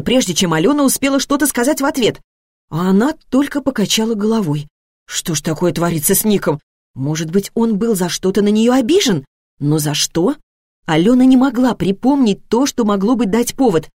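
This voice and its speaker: A woman reading a novel aloud as narrator, with expressive storytelling that shifts tone with the scene. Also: mid-range voice, no room sound, clean studio sound. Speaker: audiobook narrator. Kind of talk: scripted narration.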